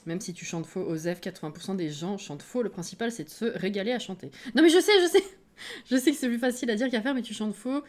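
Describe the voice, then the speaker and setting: A woman with a French accent, streaming live and chatting casually with her viewers, self-mocking and quick to laugh. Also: mid-range voice, animated.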